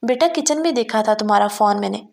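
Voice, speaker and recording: A woman's voice: mid-range voice, creaky, a little mellow, lightly acted. Woman reading a fussing motherly aunt. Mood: concerned. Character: older aunt, motherly and concerned.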